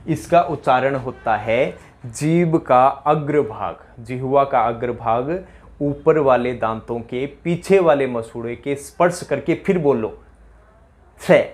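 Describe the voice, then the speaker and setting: A man's voice: mid-range voice, darkish tone. A male teacher giving a pronunciation lesson, drilling students with repeated questions. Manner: drills with repeated questions, mimics rural dialect speakers for laughs.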